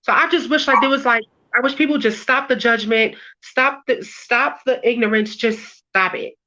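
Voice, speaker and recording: High, bright-voiced woman, blunt and emphatic. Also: moderate pace, muffled recording. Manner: blunt, swears freely, repeats words as she restarts. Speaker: interviewed music artist. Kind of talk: candid, emphatic interview talk.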